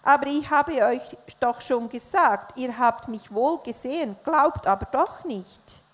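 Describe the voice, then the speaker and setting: A woman's voice: high-pitched, a little slow, slight background noise. A woman interpreting a sermon live, following the preacher phrase by phrase with small hesitations. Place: church service. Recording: long hall reverb.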